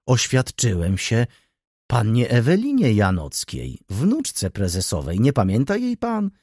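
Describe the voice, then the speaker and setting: A man's voice: medium pitch, huge pitch swings, unhurried, a little mellow, breathy edge, no echo, clean studio sound, heavily acted. A man voicing a talkative, ceremonious graying older baron who keeps calling his listener "sir". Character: chatty, fussy graying older baron, eager.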